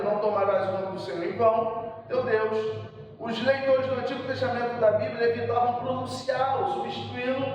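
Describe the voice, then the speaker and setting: A man's voice: extremely high pitch, a little mellow. A man teaching a church seminary class, emphatic and asking "né?" to check in with the room. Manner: emphatic, frequent "né?" check-ins. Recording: echoey hall from far off, faint background noise.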